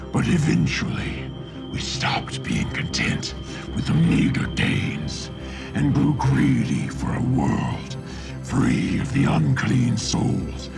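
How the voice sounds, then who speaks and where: A man voicing an ancient, scheming demon villain in a tabletop game, deep and whispery, with slow theatrical menace. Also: vocal fry, full character voice. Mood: grandiose menace.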